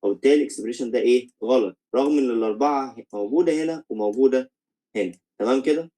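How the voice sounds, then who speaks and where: Fast-talking Egyptian man teaching math. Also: medium pitch, dark tone, poor audio. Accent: Egyptian Arabic. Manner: explains step by step, asks "okay?" after each point; mixes English math terms into Arabic. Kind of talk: recorded lecture.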